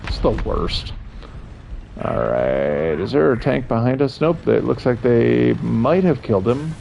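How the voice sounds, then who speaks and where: A man's voice: mid-range voice, animated, unhurried, gravelly, a little mellow. A young man chatting casually with his stream chat while playing, rambling and amused at himself. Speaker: gaming streamer. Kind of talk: casual gameplay commentary. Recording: slightly dull, faint game noise.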